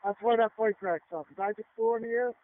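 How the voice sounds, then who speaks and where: A man's voice: high-pitched, fast talker, dry recording. A man commanding police over the radio, blunt and emphatic, repeating his orders. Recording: tinny narrow-band police radio audio.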